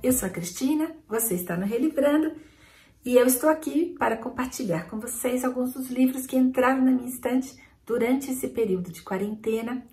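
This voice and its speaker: A woman's voice: a little high, brisk, mellow, faint music behind. A woman hosting a casual book vlog, chatting about new books and stumbling over foreign names. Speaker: book channel host.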